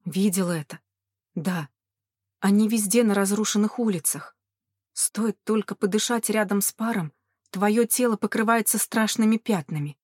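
A woman voicing a shaken young female guard speaking quietly of the dead. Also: normal speed, slightly rough, no room sound, studio quality, lightly acted. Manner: quiet, hollow and low.

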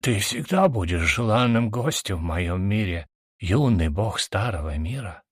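A man's voice: fairly low pitch, lively intonation, a little slow, husky, no echo, clean studio sound. A man voicing a proud, grieving giant lizard ruler in an audiobook, solemn and shaken. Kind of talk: audiobook character reading.

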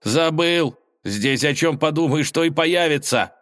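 Male reader as chatty, fretful wolf sidekick, low-ish, hesitant. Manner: fretful, rambling, slow.

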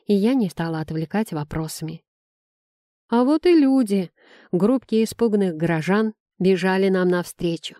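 Mellow-voiced woman narrating an audiobook. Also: medium pitch, dry recording, studio quality. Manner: measured, expressive storytelling. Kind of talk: first-person fantasy audiobook narration.

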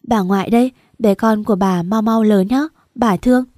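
A woman's voice: medium pitch, normal speed, dry recording, clean studio sound, close to an everyday voice. Woman reading as a doting old grandmother. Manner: gentle, doting. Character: kindly old grandmother cooing at a baby.

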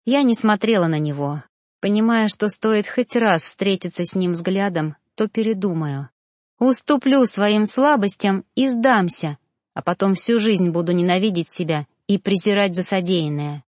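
A woman's voice: medium pitch, normal speed, darkish tone, no room sound, studio quality. Woman narrating a dramatic novel. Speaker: audiobook narrator. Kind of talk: first-person novel narration.

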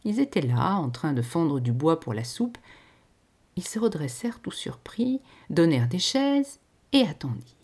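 Woman narrator, husky, lively intonation, literary reading. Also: deep voice, normal speed. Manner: expressive, varied storytelling.

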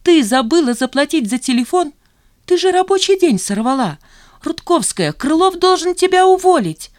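A woman voicing a sharp-tongued, indignant office woman who scolds her coworkers. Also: medium pitch, lively intonation, moderate pace, natural voice. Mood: scolding indignant. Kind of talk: audiobook character voice.

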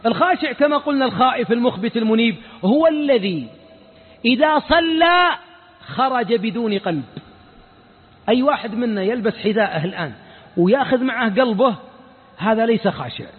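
A Saudi sheikh with a strikingly high, husky voice delivers an informal mosque lesson. He fires rhetorical questions and mimics the people he quotes. The sound is thin and phone-like, with a long hall reverb trailing each phrase. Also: animated, brisk, long pauses. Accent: Saudi Arabic. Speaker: sheikh giving a religious lesson.

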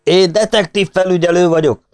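Man voicing a detective inspector, high, shouting, storybook reading. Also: fairly even intonation, clean tone, no room sound, clean studio sound. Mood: desperate. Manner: yelling. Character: furious male detective inspector.

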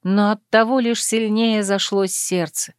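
A woman narrating a first-person romance audiobook in an intimate, measured reading. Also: medium pitch, steady tone, smooth, no room sound, clean studio sound.

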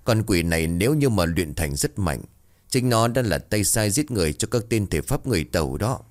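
A man doing a stern old patriarch in an audio story, frail yet commanding. His low voice moves widely as he gives orders. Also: sing-song, a little fast. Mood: grave. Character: ailing old man in a wheelchair, stern head of the house.

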